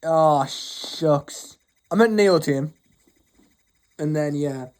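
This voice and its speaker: A man's voice: on the high side, extremely slow, a little mellow, clear, resonant tone. A young man telling a rambling, sweary storytime rant, sleepy after just waking up. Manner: rambling, swears freely, mocking. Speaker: channel host.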